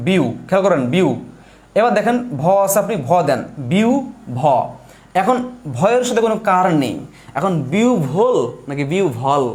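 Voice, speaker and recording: A man's voice: high voice, darkish tone. A young man giving a live online lesson, explaining step by step while he writes, repeating points and asking questions he answers himself. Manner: repetitive, asks questions and answers them himself. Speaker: exam prep teacher.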